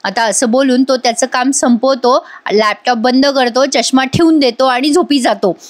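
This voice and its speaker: High-voiced chatty woman recapping a serial. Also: moderate pace. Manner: chatty, amused, addresses viewers directly. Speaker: TV serial reviewer. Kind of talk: voice-over episode recap.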